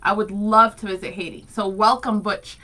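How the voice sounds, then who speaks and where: A woman from Ohio in her thirties co-hosting a morning radio show, bubbly and excitable, reading listener comments aloud. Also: mid-range voice, moderate pace, poor audio. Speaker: radio co-host. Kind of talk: casual morning radio chat.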